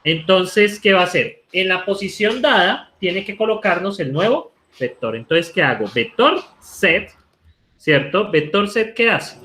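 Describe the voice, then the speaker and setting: A man's voice: high voice, animated, unhurried, sharp tone. A male university lecturer from Colombia with a Colombian Spanish accent, explaining code live and checking in with students by asking "right?" again and again. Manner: talks while typing code, asks rhetorical "¿cierto?" often. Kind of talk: live online coding lecture.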